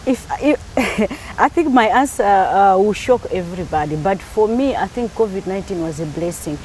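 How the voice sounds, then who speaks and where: A woman's voice: medium pitch, lively intonation, moderate pace, darkish tone, a little hiss or hum, low-quality recording. A middle-aged woman from Malawi, talking in a casual interview and laughing easily.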